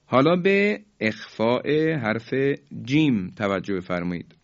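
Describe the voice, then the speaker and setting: A man of middle pitch teaches Quran recitation in a formal, courteous voice. He explains each rule and then chants the examples slowly, drawing out the sounds. The recording is dull and lo-fi. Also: very animated. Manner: formal and polite, asks students to repeat after him.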